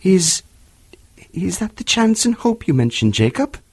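A man's voice: a little high, big pitch swings, moderate pace, gravelly, a little mellow, husky, dry recording, voice pushed up, heavily acted. A man voicing a frightened old miser who stammers and pleads. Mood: fearful. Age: older.

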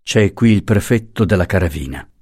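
A tender young husband who pleads softly and anxiously with his wife, as a male narrator reads him. The low voice moves through wide pitch swings and is close and dry. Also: animated, moderate pace, breathy edge, no echo, full character voice.

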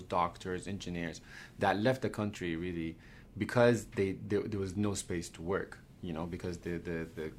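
Male guest from Sudan, very low voice, halting and repetitive, faint background noise. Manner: repeats words while thinking, many "you know"s. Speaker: guest cartoonist. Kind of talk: conversational interview answers.

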